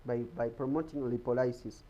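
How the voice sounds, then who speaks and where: Halting man explaining health topics. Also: medium pitch, fairly even intonation, dark tone, low-quality recording. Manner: repeats words often, halting and explanatory. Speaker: guest speaker on health. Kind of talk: explanatory studio talk. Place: TV studio.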